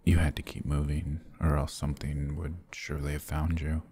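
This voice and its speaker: A man gives a husky, halting performance as a brooding vampire lord, courteous and protective, in intimate ASMR. His very deep voice holds a level tone, and he speaks gently and formally in a sympathetic mood.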